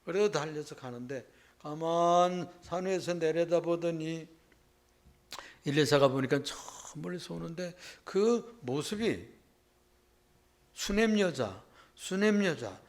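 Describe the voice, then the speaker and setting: Preacher man retelling a story dramatically. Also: on the high side. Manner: dramatic storytelling with frequent "응?" asides to the congregation. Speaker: pastor. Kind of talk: sermon.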